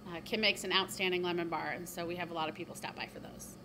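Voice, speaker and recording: A woman's voice: lowish voice, steady tone, fast. Woman, bakery owner, upbeat chatty interview, ums, handheld mic, noise behind. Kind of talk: casual interview. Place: bakery shop, indoors. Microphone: handheld reporter mic. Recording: noticeable background noise.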